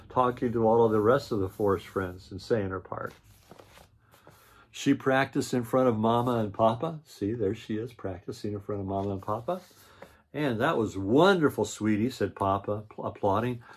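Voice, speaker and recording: A man's voice: mid-range voice, creaky, darkish tone, husky. An older man with a grandpa voice, reading a children's picture book aloud and adding explanatory asides. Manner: grandpa voice, explains and repeats story points.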